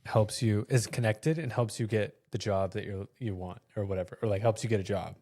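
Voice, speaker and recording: Man, low voice, podcast co-host, relaxed casual chat, soft-spoken. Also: brisk. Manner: laid-back, quiet, lots of short agreements.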